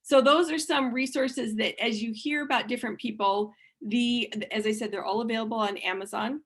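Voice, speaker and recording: A woman's voice: a little high, steady tone, moderate pace. A woman giving a workshop presentation, earnest and thinking aloud, with frequent restarts and repeated words. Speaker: conference speaker.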